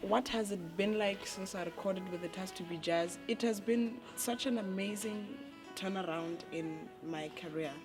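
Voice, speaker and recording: A young adult musician, answering interview questions in a deliberate way. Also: mid-range voice, music in the background. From Botswana.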